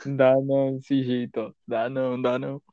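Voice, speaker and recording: A man's voice: mid-range voice, flat delivery, normal speed, warm tone, no echo, dull audio. A young man with a Brazilian Portuguese accent, chatting informally with slang and swearing. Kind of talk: casual chat.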